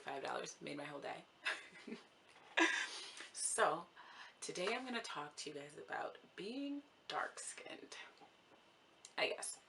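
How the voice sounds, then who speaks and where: A young woman from the States talks to her viewers in a loose, chatty vlog, low in pitch with a gravelly edge. Her tone is bright and forward, she laughs often and her sentences run on with "like". A faint hiss of room noise sits under her voice. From United States. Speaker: vlogger. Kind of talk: casual vlog talk to camera.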